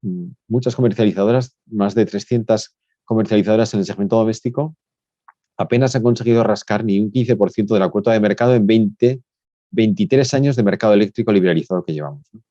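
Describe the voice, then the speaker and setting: A low-voiced man talks as a university energy expert in a panel debate. His voice is mellow and his delivery measured, with pauses and fillers. The sound is dry, dull and lo-fi, like call audio. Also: dry recording.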